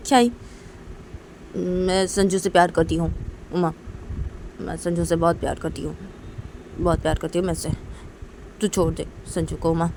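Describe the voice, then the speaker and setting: A woman's voice: fairly low pitch, fairly even intonation, normal speed, pauses often, a little mellow, a little hiss or hum, voice pushed down, close to an everyday voice. A woman voicing a scheming, jealous older sister who wheedles and insists in a homemade story reading. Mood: wheedling. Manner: wheedling, insistent, repeats herself.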